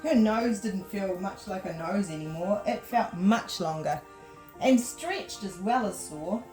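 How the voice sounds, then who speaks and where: Woman reading a lively toddler story. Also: mid-range voice, unhurried, faint music behind, rough recording. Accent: New Zealand. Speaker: children's librarian. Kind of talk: storytime read-aloud.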